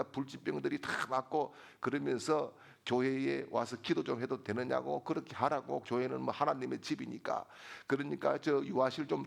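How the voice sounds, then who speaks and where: A middle-aged man preaching a sermon as pastor, building to shouted refrains and telling humorous stories with voices. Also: medium pitch, creaky.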